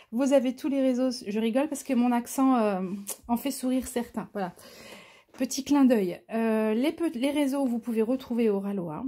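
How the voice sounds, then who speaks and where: Enthusiastic woman vlogger, warm and husky, casual unboxing chatter. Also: a little high. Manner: gushing, enthusiastic. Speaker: crafting vlogger.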